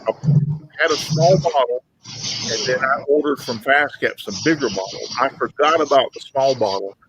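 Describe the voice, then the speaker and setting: With a medium-pitched, fairly bright voice at a moderate pace, this woodworking talk show host leads a relaxed live group chat about his craft. He's folksy and rambling, frequently saying things again, and the dull audio carries slight background noise.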